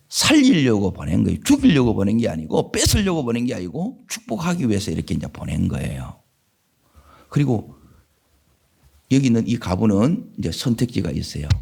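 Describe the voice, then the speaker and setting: Gyeongsang pastor, husky and animated. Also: male voice, mid-range voice. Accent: Gyeongsang Korean. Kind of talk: sermon. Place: church sanctuary.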